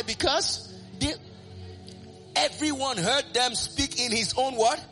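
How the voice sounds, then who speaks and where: A man preaching a sermon, animated and sing-song, asking the congregation call-and-response questions. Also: very high voice.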